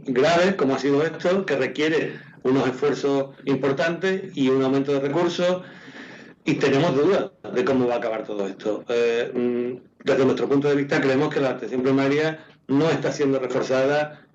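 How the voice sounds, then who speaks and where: A man with an Andalusian accent answering interview questions in a measured, hesitant way, often repeating words as he explains. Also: medium pitch, a little mellow. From Andalusia, Spain. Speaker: doctors' union president, interviewee. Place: remote call into a TV programme. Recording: muffled lo-fi call with clear noise.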